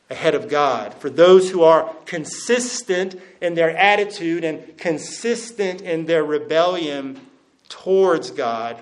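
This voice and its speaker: Emphatic male pastor preaching a sermon. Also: on the high side. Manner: emphatic, repeats phrases for stress.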